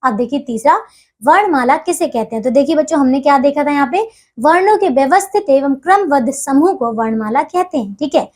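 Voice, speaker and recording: A woman's voice: sits high, expressive, brisk. A woman teaching a grammar lesson to young children, talking patiently and checking in with them again and again. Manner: patient, repeats checks with listeners often.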